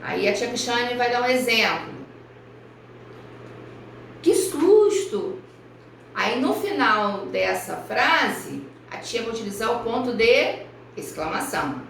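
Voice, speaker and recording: A woman primary school teacher from Brazil giving a recorded review lesson for children, speaking slowly and carefully and spelling out each example. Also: fairly high pitch, animated, vocal fry, a bit bright, slight background noise. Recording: echoey room, voice far from mic.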